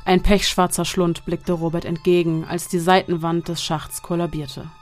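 A narrator reading a horror story in a dark, suspenseful audiobook style over faint music. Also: mid-range voice, little pitch movement, normal speed. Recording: long reverb with faint music.

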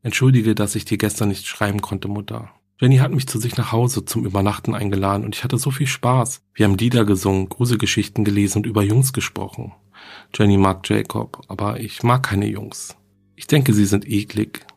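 A man's voice: on the low side, fairly even intonation, fairly quick, vocal fry, darkish tone, husky. A man reading the diary entries of a frightened young schoolgirl who writes to her dead mother.

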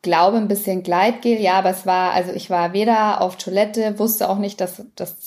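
A woman's voice: medium pitch, steady tone, moderate pace, darkish tone. A woman in her late thirties co-hosting a podcast, talking frankly and with self-deprecating humor. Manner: candid, self-deprecating, laughs often. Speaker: podcast co-host. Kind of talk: frank casual conversation.

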